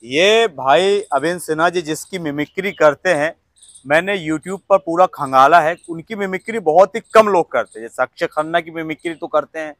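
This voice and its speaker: A man's voice: a little high, normal speed, a bit bright, no room sound, studio quality. A man interviewing a mimicry artist, praising him often and asking for more impressions. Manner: frequent short praising interjections. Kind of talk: casual interview with praise and prompts.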